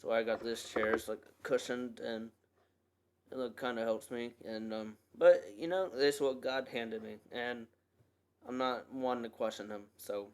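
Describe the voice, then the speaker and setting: A man's voice: medium pitch, steady tone, a little slow, a little mellow. Earnest young man rambling with many fillers. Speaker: podcast host. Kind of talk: personal monologue.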